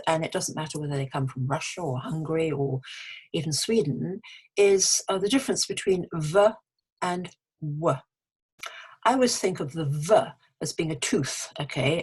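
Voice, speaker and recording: An older woman with a British RP accent, talking quickly while she teaches English pronunciation and demonstrates each sound. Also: low-pitched, slightly rough. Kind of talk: pronunciation lesson.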